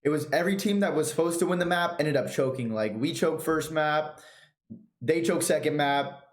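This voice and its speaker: A man's voice: fairly high pitch, normal speed. Chatty man in an echoey room. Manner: relaxed, chatty, recaps past matches. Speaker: podcast host. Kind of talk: casual chat.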